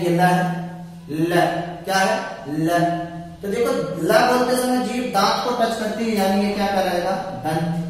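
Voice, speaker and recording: Guy teaching exam prep, quizzes then answers himself, long hall reverb, faint room noise. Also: sits high. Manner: asks questions and answers them himself, repeating. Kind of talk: exam-prep grammar lesson. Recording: echoey room, voice from far off.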